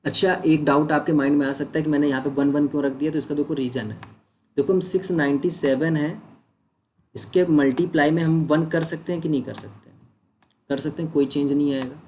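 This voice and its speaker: Male maths teacher, a touch high-pitched, patient step-by-step explainer, faint noise behind. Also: steady tone, brisk, a little mellow. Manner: explains step by step, asks and answers his own questions; mixes English words into Hindi. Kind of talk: online doubt-solving lesson.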